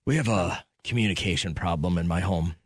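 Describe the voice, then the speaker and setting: A man co-hosting a radio show, telling stories in casual banter and jumping into higher voices when quoting. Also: a little fast, breathy edge, no echo, studio quality. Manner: animated storyteller, jumps high when quoting. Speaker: radio co-host.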